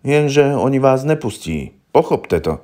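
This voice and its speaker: A man's voice: mid-range voice, very animated, mellow, voice pushed up, close to an everyday voice. A man voicing a young, naive defense lawyer who speaks formally and patiently, explaining things to his client. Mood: earnest.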